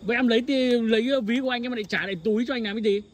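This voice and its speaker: Brash, quick-talking man. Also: extremely high pitch, steady tone. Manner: brash, quarrelsome. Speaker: the finder's boyfriend. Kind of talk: staged street drama. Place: roadside outdoors in the evening.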